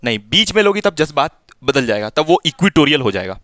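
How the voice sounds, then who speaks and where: A man's voice: fairly high pitch, big pitch swings, fast talker, fairly bright tone, dry recording. A man tutoring physics in a small room, repeating himself as he coaxes and mildly scolds his students. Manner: repetitive, coaxing, mildly scolding. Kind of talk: classroom teaching.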